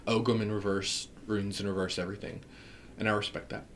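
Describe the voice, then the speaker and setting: A man's voice: on the low side, little pitch movement, a little fast, fairly bright tone, a little hiss or hum. A man with a Southern US accent, chatting enthusiastically as he unboxes a tarot deck and laughs often. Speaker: tarot reader. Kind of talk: casual deck unboxing chat.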